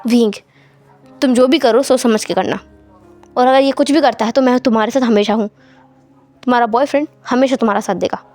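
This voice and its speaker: A woman's voice: on the high side, brisk, pauses often, darkish tone, dry recording, faint music behind, voice pushed down, lightly acted. A woman voicing a hot-tempered, protective young man in a fanfiction story, brusque and scolding.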